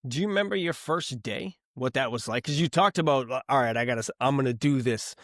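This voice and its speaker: A man hosting a podcast, asking questions in a relaxed, reflective way with hesitant restarts. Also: medium pitch, fairly quick, no echo, clean studio sound. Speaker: podcast host. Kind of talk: casual interview conversation.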